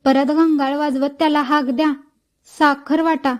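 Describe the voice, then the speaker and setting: A woman's voice: high-pitched, level tone, normal speed, natural voice. A woman voicing a bossy, talkative old village midwife who speaks in rustic village talk. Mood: coaxing chatter. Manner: rustic village speech, coaxing and scolding.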